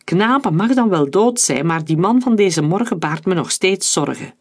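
A paranoid bald industrialist bursts out in tense, urgent lines, as a narrator puts him on. The voice sits mid-range and has a husky, breathy edge. It is an audiobook thriller. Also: medium pitch, lively intonation, moderate pace. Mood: uneasy.

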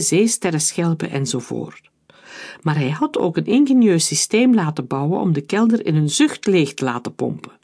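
A man reading a children's adventure story aloud in a lively, dramatic way. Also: fairly high pitch. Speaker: narrator.

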